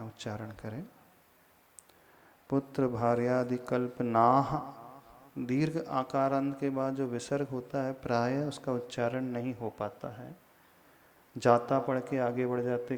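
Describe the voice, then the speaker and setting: A man's voice: medium pitch, fairly even intonation, unhurried. A man, a monk, leading a scripture class, chanting verses and patiently correcting his listeners' pronunciation. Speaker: Jain monk teaching scripture. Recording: long hall reverb.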